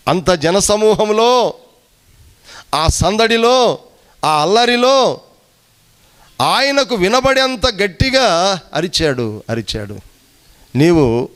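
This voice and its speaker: A male pastor preaching emphatically, repeating phrases and swinging his voice between high rises and low drops. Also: a bit bright. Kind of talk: sermon.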